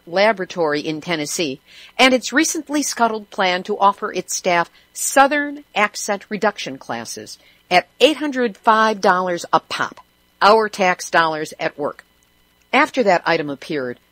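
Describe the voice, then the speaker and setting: A woman hosts a radio show, reading news items at a mid pitch. She adds dry, sarcastic asides. The studio sound is close and dead, with no room echo. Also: a bit bright. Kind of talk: news commentary.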